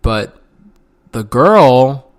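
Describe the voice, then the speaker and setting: A man's voice: medium pitch, sing-song, very slow. A young man casually telling a story from his youth, rambling with lots of fillers and frequent swearing. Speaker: vlogger.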